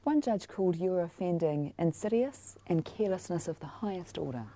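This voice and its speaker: A woman's voice: fairly low pitch, lively intonation, moderate pace, warm tone, dry recording, low-quality recording. A woman putting probing questions in a news interview. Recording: clear ambient location noise.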